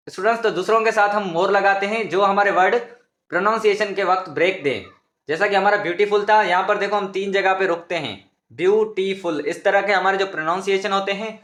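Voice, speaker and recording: A man with a high-pitched, fairly bright voice teaches English grammar in a reverberant space. His classroom-style lesson is patient and repetitive, and he often calls his viewers students.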